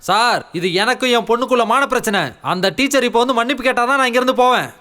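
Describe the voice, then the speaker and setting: A brash, cocky young hero with a high voice. He talks fast and blusters theatrically. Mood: blustering. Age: young adult.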